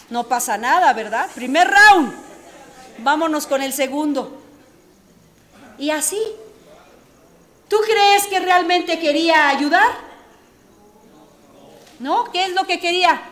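A woman's voice: very high-pitched, fairly bright tone. A Mexican woman, a psychologist, giving a preachy radio talk full of rhetorical questions. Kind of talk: radio talk on addiction recovery. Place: radio studio.

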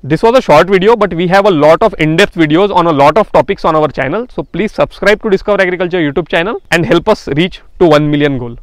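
A young man from India stands in an open farm field, earnestly demonstrating hand weeders to camera. His voice sits fairly high and the sound is dry and close, with no room around it. He recommends each tool plainly, dropping in "uh" fillers as he goes. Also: fast talker, few pauses, no echo. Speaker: farm tool seller and channel host. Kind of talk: product demonstration talk to camera.

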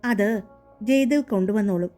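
A hot-tempered young boss speaks firmly and teasingly, a little lower than the storyteller's own voice, as a woman reads him in a romance audiobook. The tone stays mellow and dark rather than bright, with soft music under it. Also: moderate pace, lightly acted.

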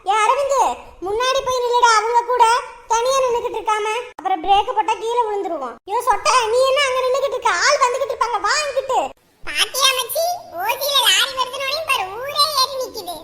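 An actor playing a loud, joking young village man who shouts and teases his friends. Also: very high-pitched, brisk. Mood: teasing.

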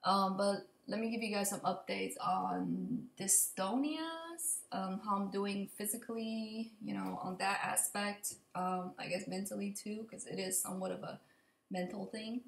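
A young adult woman, speaking in a mid-range voice roughened a little by allergies and often falling into creak, talks to her computer in an off-the-cuff vlog update. She is slow, halting and prone to rambling. The desk-distance computer mic picks up the clear echo of her open kitchen and living room.

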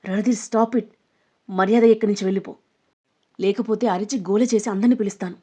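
A woman voicing a frightened but defiant young woman in an audio story, speaking sharply and loudly. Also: fairly low pitch, flat delivery, fast, slightly rough. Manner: sharp, shouting, pleading. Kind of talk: storybook narration.

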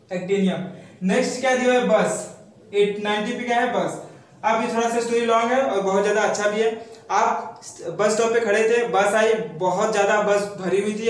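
A man teaching memory tricks and asking questions he then answers himself, in a steady explaining manner. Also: high voice. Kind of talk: mnemonic lesson for students. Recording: very echoey room, mic far off.

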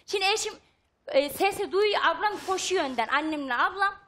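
A woman's voice: very high-pitched, expressive, fairly quick, fairly bright tone. A woman guest on a studio talk show who speaks insistently and pleads her case in a raised voice. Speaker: studio guest, victim's granddaughter. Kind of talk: heated talk show exchange. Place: television studio.

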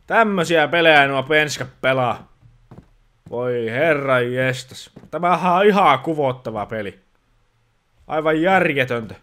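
A man talks through a let's-play in a grumbling, exasperated voice, scolding the game as he goes. His pitch sits in an ordinary middle range, and he plays a fed-up dad. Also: a bit bright. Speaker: gaming channel host playing a dad persona. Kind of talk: casual let's-play commentary.

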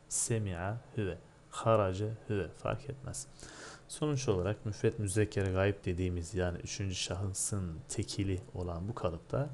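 A man's voice: low-pitched, darkish tone, slight background noise. A man teaching Arabic grammar in a methodical lecture, asking and answering his own questions.

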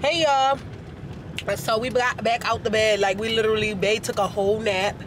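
A man's voice: high-pitched, little pitch movement, a little fast. A man vlogging in a car, chatting casually and animatedly to his viewers. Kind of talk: casual chat to camera. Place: inside a car. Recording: car noise behind.

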